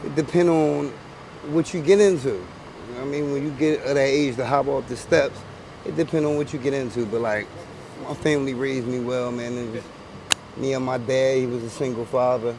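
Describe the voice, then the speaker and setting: On a noisy city street full of passersby, a man from Philadelphia in his forties gives an interview in casual slang. He speaks at a moderate pace in a steady, medium-pitched voice, often restarting sentences and repeating himself.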